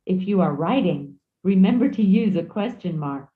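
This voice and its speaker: A woman reading scripted grammar explanations for a textbook audio track, clear and measured. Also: fairly low pitch, animated. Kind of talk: scripted instructional narration. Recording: tinny audio played over a call.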